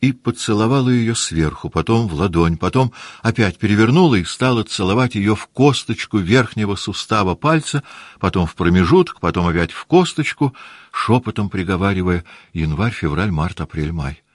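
A man narrating a classic novel as an audiobook, in a measured, expressive reading. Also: on the low side, dry recording, studio quality. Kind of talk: scripted literary narration.

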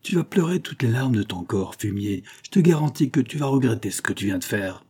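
A man's voice: medium pitch, animated, brisk, a little mellow, husky. A man voicing a hard-voiced Italian gangster. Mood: threatening. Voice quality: hard, threatening. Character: menacing male Italian gangster, harsh.

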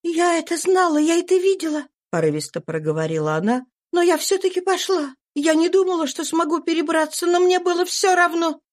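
A woman reading an audiobook voices a desperate young runaway mother, speaking high, fervent and pleading. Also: expressive, a little fast, hardly any pauses. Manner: pleading, fervent, trembling with urgency.

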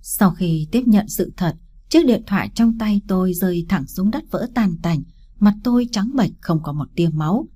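A woman narrating a first-person story as an audiobook, in a steady, emotional storytelling manner. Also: medium pitch, normal speed, breathy edge.

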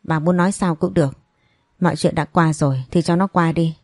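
A woman's voice: low voice, fairly even intonation, fairly quick, dry recording, clean studio sound. A woman voicing an older man who defends himself coldly and brushes off blame, speaking in a dismissive, defensive way. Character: evasive older man, cold and self-justifying.

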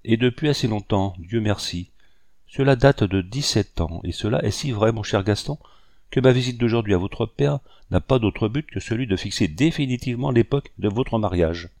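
A man reading an audiobook, voicing a good-natured older planter with a gently mocking manner. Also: fairly low pitch, moderate pace, no room sound, clean studio sound, close to an everyday voice. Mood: genial.

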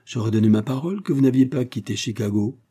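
A man voicing an excitable young working man in an audiobook. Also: medium pitch, fast, slightly rough, close to an everyday voice. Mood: exuberant. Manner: exuberant, excitable.

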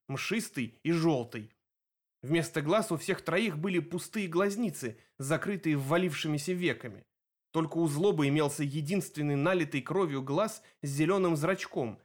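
A man reading a first-person audiobook narration in a lively, expressive way. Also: a little high.

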